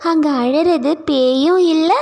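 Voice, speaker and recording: A woman's voice: high voice, slow, creaky, a little mellow, voice pushed up, exaggerated voice. A woman voicing a sweet, stubborn little girl in a cartoon story, eager and coaxing. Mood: eager, kind.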